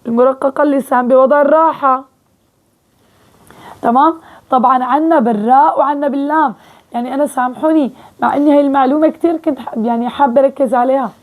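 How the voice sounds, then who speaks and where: A young woman with a Levantine Arabic accent teaching Quran recitation, patiently explaining and slowly repeating sounds. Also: high-pitched, steady tone. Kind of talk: online tajweed lesson.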